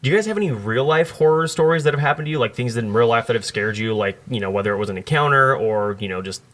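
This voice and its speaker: A man's voice: medium pitch, animated, fast, fairly bright tone. Rambling male podcast host. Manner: rambling, lots of fillers and restarts. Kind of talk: casual chat, storytelling.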